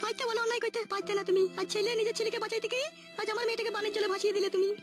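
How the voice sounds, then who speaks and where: A woman voicing an aggrieved mother in a cartoon, scolding in rapid complaints. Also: very high voice, fairly even intonation, distant mic, loud music behind the voice. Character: aggrieved middle-aged mother, sharp-tongued.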